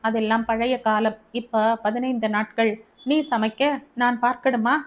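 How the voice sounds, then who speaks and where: A woman's voice: on the high side, flat delivery, a little slow, natural voice. A woman voicing a scolding, arrogant rich husband. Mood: angry, scolding. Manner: scolding, raised and emphatic. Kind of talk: audiobook character reading.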